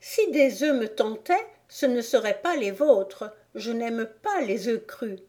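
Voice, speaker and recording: A woman doing a sincere, polite little girl from an audiobook. She protests earnestly in a raised, youthful voice. The pace is slow and deliberate. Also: a little high, expressive, a little mellow, pitched above the performer's own voice. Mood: protesting. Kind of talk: audiobook character voice.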